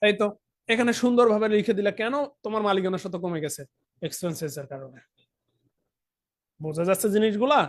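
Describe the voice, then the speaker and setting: A young man with a Bangladeshi Bengali accent teaches an accounting class over a screen recording. His voice sits high for a man, and he keeps asking his students if they understand. He writes on a tablet as he explains. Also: fast talker, long pauses. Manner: talks directly to students, asks frequent check questions. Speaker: accounting tutor. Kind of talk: online lesson, explaining while writing on a tablet.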